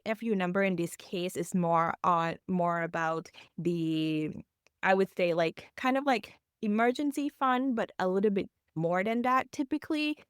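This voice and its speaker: A woman's voice: mid-range voice, clear, resonant tone, no room sound, studio quality. A woman, explaining earnestly as a financial coach in a podcast interview, with phrasing. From Thailand.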